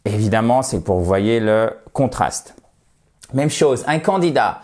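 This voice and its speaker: A man teaching a video lesson in a chatty, friendly way, with playful asides, slowing down to stress words. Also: fairly low pitch, animated, a little mellow. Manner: slows down and stresses words to show how they are said. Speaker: language teacher.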